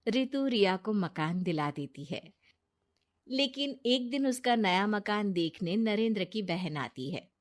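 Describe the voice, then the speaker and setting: A woman's voice: mid-range voice, expressive, measured pace. A woman narrating a moral story in a plain storytelling manner. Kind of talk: scripted narration.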